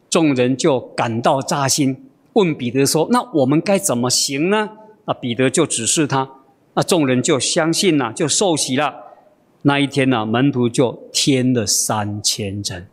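A man preaching a sermon with expressive delivery and frequent drawn-out fillers. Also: on the high side, big-room sound.

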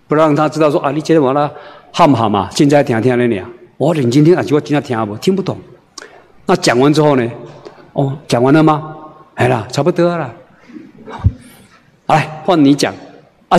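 A male preacher, telling a humorous story in a sermon in an animated, conversational way, full of "ah" and "oh" fillers. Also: mid-range voice, husky, long reverb tail.

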